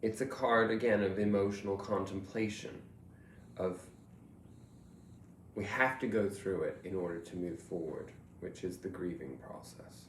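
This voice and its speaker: A man giving a reflective tarot reading, musing and meandering, often trailing off softly. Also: low voice, a little slow, a little hiss or hum. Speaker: tarot reader. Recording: roomy echo, faint ambience.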